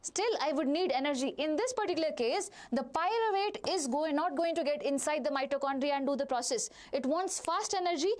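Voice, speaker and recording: In a brisk, expressive, high-pitched voice with few pauses, an Indian-accented biology teacher runs a live online lesson. She speaks to her students directly, repeats phrases, and answers the questions she poses.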